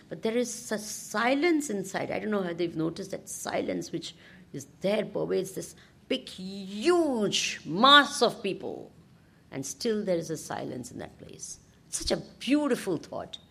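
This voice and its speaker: Animated South Indian woman teaching scripture. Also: mid-range voice, gravelly, slightly rough. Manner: animated, prompts listeners with questions. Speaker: spiritual teacher. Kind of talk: informal scripture discourse to a class, with Sanskrit verses.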